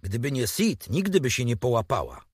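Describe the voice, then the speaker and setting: A cheeky young boy who is evasive with his aunt and cocky with rivals, as a man puts him on. His voice is high and lively with a slight husky edge. It sounds dry and close, like a read-aloud storybook. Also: normal speed, no room sound. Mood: grumbling.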